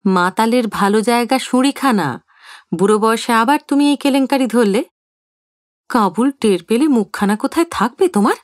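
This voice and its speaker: A woman voicing a sharp-tongued older wife who scolds in an indignant way in an audio story. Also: fairly high pitch, moderate pace, dry recording, studio quality, close to an everyday voice. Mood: angry.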